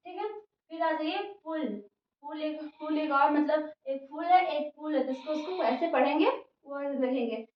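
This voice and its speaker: Female teacher, high voice, patient and repetitive delivery, recorded from a distance in a dull, echoey room. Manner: repetitive, many fillers, explains word by word. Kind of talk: casual spoken lesson. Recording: dull, roomy, distant from mic.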